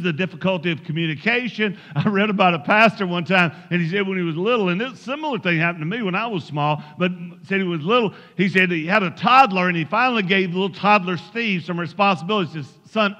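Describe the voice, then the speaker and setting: A man's voice: high voice, pushed and bright. A man preaching a sermon as pastor, telling folksy stories and urging the congregation emphatically. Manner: folksy storytelling, emphatic exhortation. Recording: echoey hall, dull lo-fi sound.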